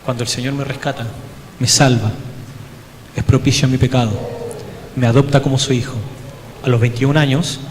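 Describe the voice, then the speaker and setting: A man's voice: mid-range voice, flat delivery, normal speed, pauses often. A man preaching a sermon in a church, telling stories with humor and acting out past dialogues. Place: church hall. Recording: long church hall reverb, faint background noise.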